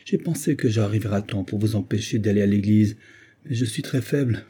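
A man's voice: on the low side, fairly quick, warm tone, slightly rough. A man reading an audiobook and voicing a desperate, remorseful woman who pleads and wails. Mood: frantic. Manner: wailing, pleading outbursts.

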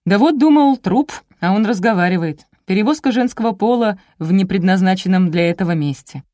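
A woman's voice: mid-range voice, expressive, fairly quick, mellow, no echo, clean studio sound, natural voice. A woman voicing a brusque male traffic police officer who barks curt orders, in an audiobook. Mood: suspicious. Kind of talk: audiobook character voice.

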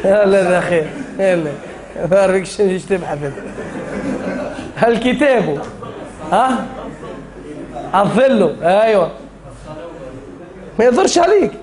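A man's voice: sits high, lively intonation, measured pace, long pauses, crowd noise. A man with a Tunisian Arabic accent teaching a Quran recitation class, drilling the students and chanting the rules in verse.

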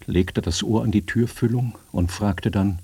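Deep husky male narrator. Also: dry recording. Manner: measured, even storytelling. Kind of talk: scripted narration of a literary story.

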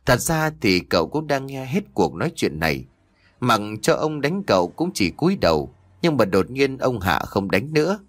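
A man narrating a dramatic audiobook story with an expressive reading. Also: medium pitch, normal speed, no room sound.

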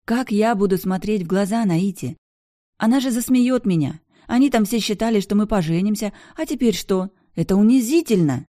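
A woman's voice: medium pitch, animated, moderate pace, dark tone, no room sound, studio quality, pitched above the performer's own voice, close to an everyday voice. A reader voicing a petulant young woman who argues and pleads with her former lover in an audiobook. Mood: indignant. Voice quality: pleading, whiny. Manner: indignant, demanding. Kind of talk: audiobook dialogue.

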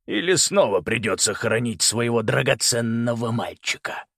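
A man's voice: mid-range voice, lively intonation, moderate pace, creaky, a bit bright, no room sound, studio quality. A man voicing a ruthless older grandfather, lord of birds, with a menacing, sneering manner. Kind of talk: audiobook character voice.

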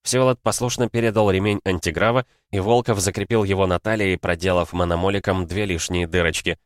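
A man narrating an audiobook in a steady, measured reading. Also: low voice, dry recording. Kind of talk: audiobook narration of science fiction. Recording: dry close studio sound.

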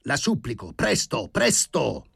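A man voicing an agitated elderly male surgeon who shouts urgent orders in a high, strained voice. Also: very animated, unhurried. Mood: frantic.

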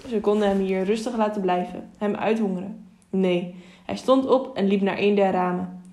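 A woman narrating an audiobook in a steady, measured reading voice, with small self-corrections. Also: mid-range voice. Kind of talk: storybook narration.

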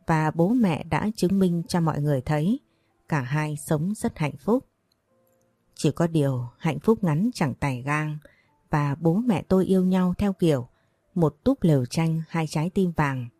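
Low-voiced woman narrating a sad story. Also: mellow, dry recording. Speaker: audiobook narrator. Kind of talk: scripted first-person story narration.

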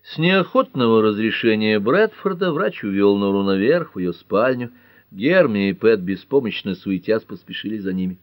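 A man narrating a detective audiobook in an even, measured way. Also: on the low side, no echo. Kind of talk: scripted narration.

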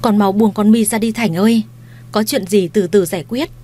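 A woman voicing an anxious mother in an audio story who coaxes a man to calm down. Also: mid-range voice, moderate pace, lightly acted. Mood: coaxing. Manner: pleading, soothing.

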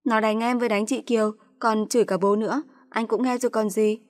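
A woman's voice: fairly high pitch, steady tone, a little fast, no room sound, clean studio sound, long reverb tail, voice pushed up, natural voice. A woman voicing an indignant younger sister-in-law complaining about being hit. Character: younger sister-in-law pleading her case.

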